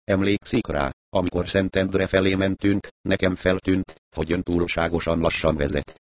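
A man playing a calm, shrewd middle-aged detective who reasons patiently with a mildly mocking edge. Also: sits low, dry recording, lightly acted. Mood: calm reasoning.

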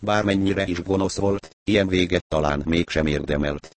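Reading a tense crime novel aloud, an audiobook narrator keeps his very low, deep voice measured and even. The scripted narration is recorded dry and close, with no room sound.

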